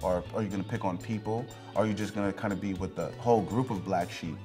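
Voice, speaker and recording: A man's voice: low-pitched, steady tone, fast, dark tone, soft background music. A man from Brooklyn, New York, speaking thoughtfully and asking rhetorical questions in a documentary interview. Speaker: former student interviewee.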